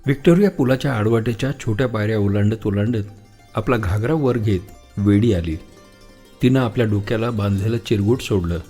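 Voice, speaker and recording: Guy reading a story aloud, calm measured pace, faint music behind. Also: lowish voice, husky. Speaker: narrator, audiobook reader. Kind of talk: literary audiobook narration.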